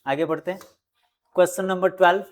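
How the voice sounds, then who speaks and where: A teacher with an Indian English accent walks through exam answers, reading English lines slowly, explaining them in Hindi, and correcting slips aloud. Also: medium pitch, fairly even intonation. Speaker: coaching class teacher.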